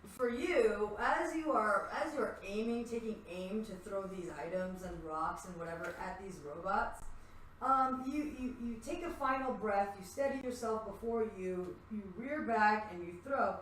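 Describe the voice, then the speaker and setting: A woman's voice: mid-range voice, moderate pace, fairly bright tone, a little hiss or hum. A young woman narrating a tabletop game as game master, casual and laughing, swearing freely. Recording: echoey room, mic at a distance.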